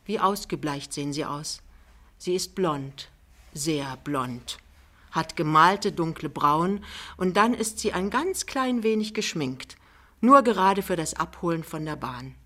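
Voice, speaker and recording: A woman narrates a novel as an audiobook in a calm, measured voice. Her voice sits fairly low. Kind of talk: audiobook reading.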